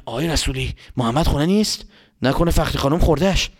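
Man doing a scared young boy, high voice, breathless, rambling, storybook figure. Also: natural voice. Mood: secretive. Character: frightened young neighborhood boy.

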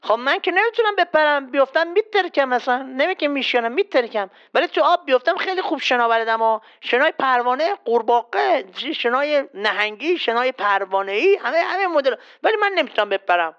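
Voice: high-pitched, lively intonation, few pauses, smooth, highs cut off. A performer voicing a childish, easily offended man who says L in place of R, in a children's quiz skit. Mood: silly. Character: silly round man who can't say R. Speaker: quiz contestant.

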